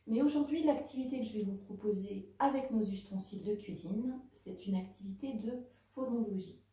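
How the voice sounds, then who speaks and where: A woman teaching a home lesson to young children, speaking slowly and clearly to the kids and their parents. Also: medium pitch, warm tone. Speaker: kindergarten teacher. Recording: very echoey room, voice from a distance.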